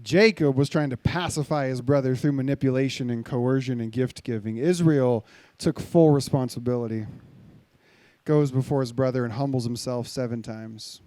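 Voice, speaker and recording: A middle-aged male pastor giving a live sermon, conversational and animated, joking with and directing the audience. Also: mid-range voice, moderate pace, dry recording.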